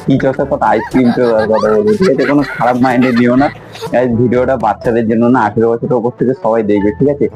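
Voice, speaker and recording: A man's voice: mid-range voice, steady tone, quick pace, music in the background. A man chats casually to viewers and teasingly pesters his wife in a home prank vlog. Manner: teasing, insistent, often laughing; talks to viewers, repeating "ঠিক আছে". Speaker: prank vlogger. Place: indoors at a home.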